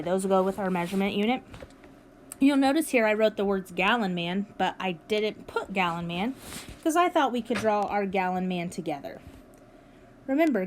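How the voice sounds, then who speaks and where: A woman's voice: medium pitch, a little hiss or hum. A woman teacher recording a math lesson for her students, upbeat and encouraging as she walks them through each step. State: has the hiccups. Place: at home with her dog nearby.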